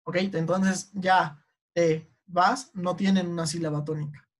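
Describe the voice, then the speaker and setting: In a steady, lowish voice, a Mexican woman teaches poetry meter in an online class, going through it slowly and patiently and regularly tossing in a quick "ok?" to check on her students.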